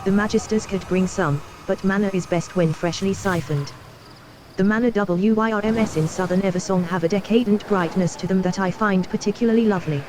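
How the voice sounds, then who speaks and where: A woman's voice: medium pitch, brisk, noisy background, natural voice. Woman acting a posh, haughty elf socialite. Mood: airy, indulgent. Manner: affected posh, refined drawl. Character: haughty high-society elf hostess, breezy and indulgent. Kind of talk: video game quest dialogue.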